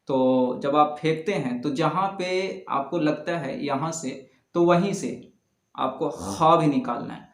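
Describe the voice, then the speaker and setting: A man teaching Quran letter pronunciation step by step, patiently repeating each sound slowly and loudly. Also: fairly high pitch. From South Asia. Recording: echoey room.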